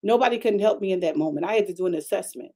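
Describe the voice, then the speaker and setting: Older woman pastor, animated storytelling sermon. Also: medium pitch, rapid-fire. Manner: animated, emphatic, talks straight to the audience.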